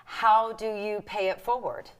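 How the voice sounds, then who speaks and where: A woman's voice: medium pitch, steady tone, measured pace, smooth. A woman hosting a TV wellness show from a studio. She asks questions in an effusive way, heaping praise on her guests. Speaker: TV show host. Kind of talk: TV interview.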